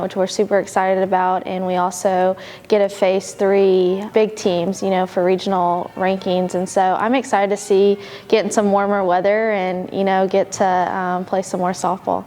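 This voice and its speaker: A woman softball coach talking casually about her team, with many fillers. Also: medium pitch. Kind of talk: interview talk.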